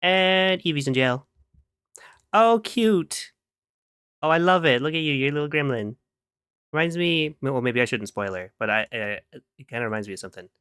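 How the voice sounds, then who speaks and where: A man's voice: on the high side, fairly bright tone, clear, resonant tone, no echo, clean studio sound. A man chatting casually with viewers on a live stream, playful and giggly, humming and scatting to himself between remarks. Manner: playful, giggly, hums and scats to himself while working.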